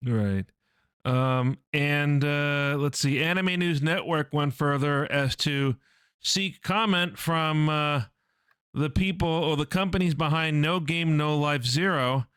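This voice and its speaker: Smooth-voiced man on a dry podcast mic. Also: a little high, no echo. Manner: relaxed, with frequent ums and uhs, explaining at length. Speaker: podcast co-host. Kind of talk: casual podcast chat about anime news.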